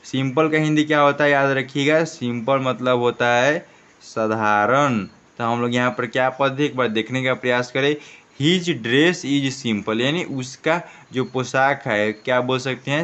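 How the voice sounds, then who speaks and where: A man's voice: medium pitch, fairly bright tone, highs cut off. Man teaching English, asks himself questions. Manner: spells words letter by letter, asks and answers his own questions. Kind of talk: classroom lesson.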